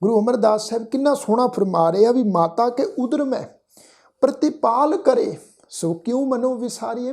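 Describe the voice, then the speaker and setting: A woman teaching Sikh scripture in a gentle devotional talk. She chants verses slowly and carefully and explains how to pronounce them correctly. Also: on the high side. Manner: slow, drawn-out chanting of verses with careful diction. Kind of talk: gentle devotional exposition with recitation.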